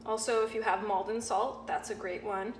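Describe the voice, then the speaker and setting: A young woman, a sous chef, explaining a cooking demonstration step by step in a relaxed way, with frequent ums. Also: medium pitch, moderate pace. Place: home-style kitchen, indoors. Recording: echoey kitchen with audible background noise.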